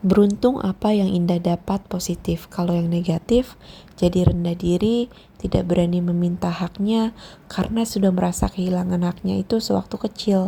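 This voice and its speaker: A woman reading the part of a patient doctor and mentor in a storybook, gentle and explanatory. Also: on the low side, steady tone, moderate pace, gravelly, slight background noise. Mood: calm.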